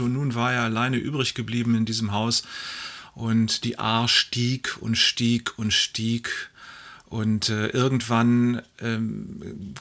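Male joke teller, bright tone, fry-heavy, unhurried storyteller with fillers. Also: mid-range voice. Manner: leisurely storytelling with fillers, acting out the voices. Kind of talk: telling jokes to an audience.

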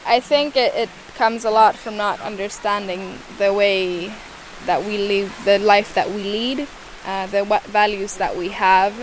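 This is a low-quality recording with slight background noise, capturing a young woman of medium pitch who isn't a native English speaker. Answering interview questions with care, she searches for words, hesitates and restarts repeatedly.

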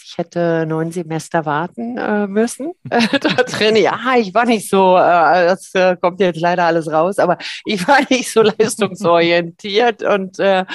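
A woman's voice: on the low side, no room sound, studio quality. A middle-aged woman from Germany, a guest on a podcast, talking thoughtfully with many fillers and restarts. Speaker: podcast guest, leadership academic. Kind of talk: casual podcast interview.

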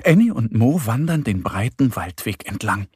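Husky slow storyteller reading kids story, super animated voice, dry close mic. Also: medium pitch, no echo. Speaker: narrator.

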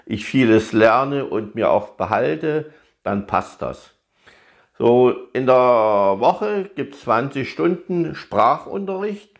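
A man who works as a study-abroad advisor hosts an advice podcast, explaining things to students in a chatty, direct way. His voice sits in the mid-range.

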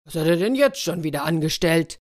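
A woman voicing a gullible, blustering male wolf who speaks loudly and indignantly. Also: sits low, animated, fairly quick. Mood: angry.

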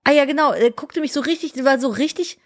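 A woman co-hosting a casual podcast, telling stories in a lively, chatty way. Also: high voice, quick pace. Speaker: podcast co-host. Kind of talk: casual chat.

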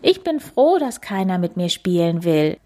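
A woman voicing a calm, cheerful grandmother coati who speaks gently and with amusement. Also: fairly low pitch, a little slow. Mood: amused.

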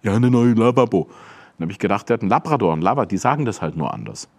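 A German comedian speaks with a Standard German accent in a low, very fast, creaky and husky voice. He chats casually, telling anecdotes as an animated storyteller who acts out the quotes.

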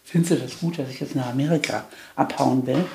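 An older woman reflects on her life story in an interview, speaking candidly, restarting sentences and then driving points home with emphasis. Her bass voice has a steady gravelly rasp, and she talks fast.

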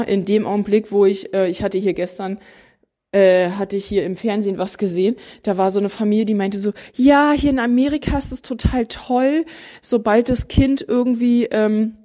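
A mother of three in her thirties talking straight to viewers, animated and emphatic, acting out what others say. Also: medium pitch. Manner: animated, emphatic, acts out quotes. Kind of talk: casual talking to camera.

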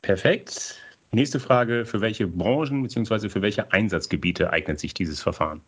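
A man's voice: on the low side, moderate pace, fairly bright tone, husky. A man hosting a podcast, reading a scripted introduction and putting questions to his guests, with playful wordplay. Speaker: podcast host.

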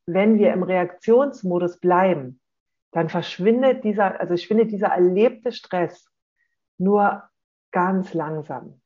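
A parenting coach giving a calm, explanatory talk to parents and often checking in with a short "ja?". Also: mid-range voice. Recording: dull lo-fi recording.

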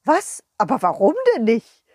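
A nervous, excitable fairy-tale king for a children's audio story, put on by a woman. He giggles breathlessly and keeps saying sorry, his high voice leaping up and down. The sound is close and dry, with no room around it. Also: takes it slowly, husky, no room sound, exaggerated voice. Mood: excited. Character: excitable flustered fairy-tale king, male, jittery, flatulent.

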